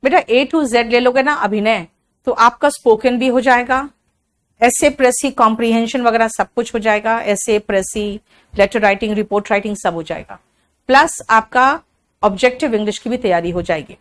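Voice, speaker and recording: A woman from Bihar teaching spoken English, drilling each word slowly and calling her students "beta". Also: on the high side. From Bihar, India.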